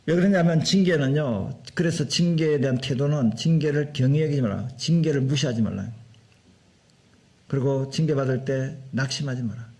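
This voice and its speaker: A man preaching a Sunday sermon as a pastor, animated and full of rhetorical questions. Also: medium pitch, normal speed. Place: church sanctuary.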